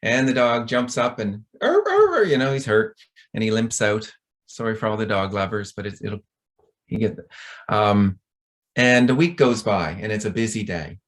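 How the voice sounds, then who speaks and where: A middle-aged man with a fairly low voice gives a conference talk over a video call. He is chatty and rambling, with a self-deprecating manner. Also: fairly even intonation, normal speed. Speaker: conference speaker.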